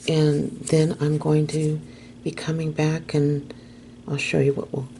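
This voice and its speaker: Woman, craft tutorial host; low, gravelly, mellow voice, slow delivery, faint hiss behind. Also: flat delivery. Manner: gentle, unhurried, dips into soft whispers while working. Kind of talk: step-by-step craft instruction.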